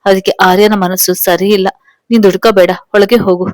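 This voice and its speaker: A woman's voice: medium pitch, level tone, brisk, no echo, studio quality, close to an everyday voice. A woman voicing a worried but consoling mother-in-law, in a storybook reading. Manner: gentle, consoling. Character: anxious, soothing mother-in-law.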